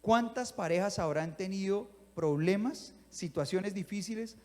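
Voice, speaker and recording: A man's voice: sits high, unhurried, in a large hall. A male pastor, preaching a sermon that he livens up with acted-out scenes, often asking his listeners whether they follow him. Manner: animated, acts out little scenes and asks the congregation if they follow.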